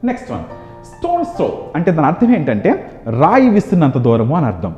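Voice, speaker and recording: Animated teacher with a Telugu accent. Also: male voice, a little high. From India. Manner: drills phrases in rapid rhythmic lists. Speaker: spoken English teacher. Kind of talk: classroom English lesson. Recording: echoey room, dull sound, music behind.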